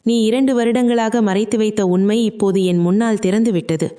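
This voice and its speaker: A woman's voice: medium pitch, steady tone, normal speed, dark tone, smooth, lightly acted. A woman reading a stern, betrayed husband who speaks in a harsh, accusing way. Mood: cold.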